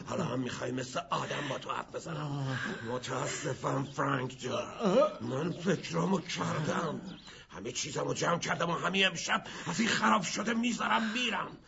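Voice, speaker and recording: A man's voice: on the high side, gravelly, highs cut off, crowd noise. An actor dubbing a desperate, vengeful gangster who holds a gun on his enemy. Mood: menacing. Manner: menacing, shouting, then pleading and bitter. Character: desperate vengeful gangster holding a gun, middle-aged man. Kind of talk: Persian film dub.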